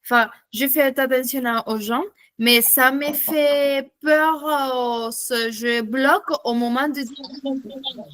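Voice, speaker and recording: A woman's voice: high-pitched, steady tone, slow, fairly bright tone. A woman from Latin America, speaking with a Latin American accent, talking hesitantly and self-consciously as a trainee in a casual group chat.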